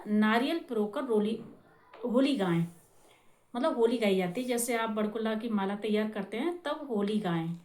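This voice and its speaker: A woman's voice: fairly high pitch, reverberant. A woman explaining festival rituals in a casual, explanatory way, often checking in with her listeners.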